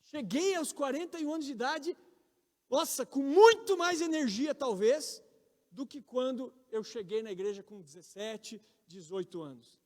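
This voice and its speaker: A Brazilian man in his forties, a pastor, preaching a sermon with emphatic, loud peaks on key words. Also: very high voice, expressive, normal speed. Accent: Brazilian Portuguese. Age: 40s. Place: large church hall. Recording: reverberant church hall.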